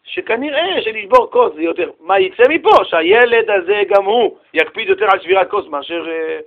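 A man giving a Torah lesson, asking questions and telling parables in an animated way. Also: sits high, narrow, tinny audio. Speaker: rabbi teaching Torah.

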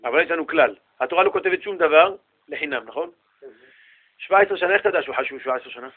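A man teaching a Torah lesson to students in an animated way, asking them questions and acting out the people in the story. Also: high voice, vocal fry, phone-quality sound. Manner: animated, asks his listeners questions and acts out the people in the story.

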